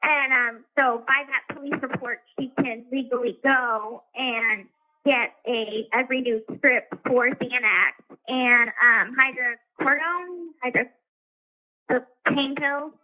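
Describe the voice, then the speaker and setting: A woman's voice: high voice, fairly even intonation, slow pace. A woman speaking from a prison payphone call, talking in a hesitant, rambling way with many fillers. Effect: prison payphone call over a tinny phone line. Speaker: inmate calling from a correctional facility. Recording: tinny phone line.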